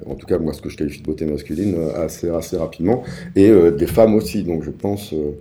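Very deep-voiced hesitant man in his forties. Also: fast talker, mellow, soft background music. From Paris suburbs, France. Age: 40s. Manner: hesitant, many fillers and restarts. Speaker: guest. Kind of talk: personal life-story interview.

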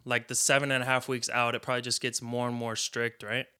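A man's voice: medium pitch, level tone, fast, sharp tone, smooth. A man hosting a podcast, asking questions in a casual, chatty way full of filler words. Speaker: podcast host. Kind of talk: casual interview.

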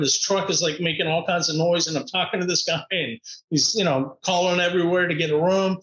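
A man, a podcast guest, telling his travel stories in an upbeat, animated way, laughing often and acting out the voices of people he met. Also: a little high, roomy sound, low-quality recording. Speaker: podcast guest, motivational speaker. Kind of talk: animated storytelling in conversation.

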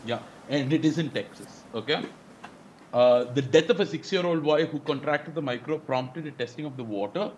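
A man's voice: on the high side, moderate pace, darkish tone. A man with an Indian accent chatting casually as a co-host. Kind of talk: casual chat. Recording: clear background noise.

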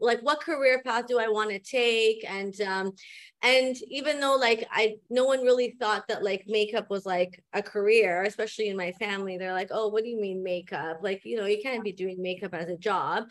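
A woman from Canada, a guest on a podcast, telling her story in a relaxed way with many fillers. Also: medium pitch, normal speed. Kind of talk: casual interview storytelling.

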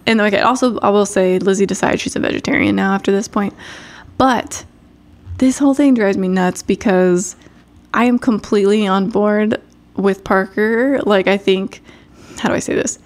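Woman host, chatty recap, rambling with fillers and laughs, mid pitch. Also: normal speed. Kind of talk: casual chat.

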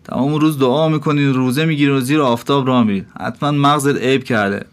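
A man's voice: mid-range voice, voice pushed up, lightly acted. A man voicing a scornful middle-aged innkeeper who scolds and mocks. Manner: mocking, scolding.

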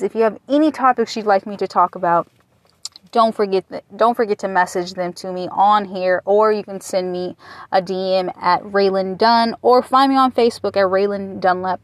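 A woman in her late twenties from Michigan hosts her own podcast in a loose, candid monologue. She rambles and swears casually. Her voice sits at a middling pitch and sounds dry and close, with no room around it. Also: steady tone, moderate pace, no echo. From Michigan, USA. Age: late 20s. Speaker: podcast host. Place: waiting at a taco shop.

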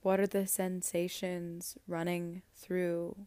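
A woman guiding a meditation in a slow, soft, soothing voice with long pauses. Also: fairly low pitch, flat delivery, smooth, no echo. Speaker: meditation guide. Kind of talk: guided meditation.

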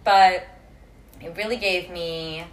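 A woman's voice: lowish voice, fairly even intonation, slow pace. A young woman co-hosting a casual podcast, chatty and packing her talk with "like". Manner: chatty, constant "like" fillers. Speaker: podcast co-host. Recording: roomy room, faint noise.

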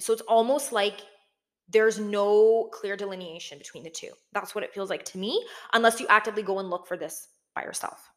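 A young adult woman gives casual, conversational commentary as a video host, sprinkling in "like" and "again", recorded in a big, sparsely furnished room that echoes. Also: mid-range voice. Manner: informal, conversational, frequent "like" and "again".

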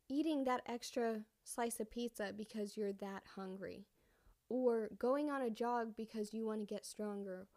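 A woman's voice: a little high, dark tone. A young woman hosting a casual solo podcast, rambling and correcting herself, a bit out of breath. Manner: rambling, self-correcting, conversational. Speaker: podcast host.

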